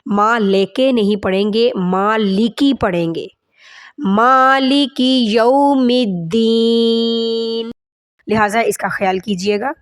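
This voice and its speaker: Teaching tajweed in a mid-range voice, a woman Quran instructor chants her recitation slowly and at length. She works through errors with patience, fixing them step by step.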